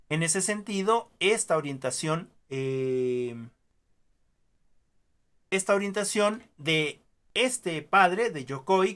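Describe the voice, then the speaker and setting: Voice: medium pitch, a bit bright. Hesitant teacher giving an online class. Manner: hesitant, many filler sounds and tag questions; explains through examples and stories.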